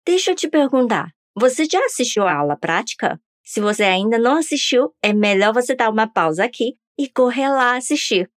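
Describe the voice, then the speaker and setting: A woman's voice: on the high side, dry recording, studio quality. A woman teaching a pronunciation lesson on a podcast, upbeat and coaxing listeners to repeat after her. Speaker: language teacher.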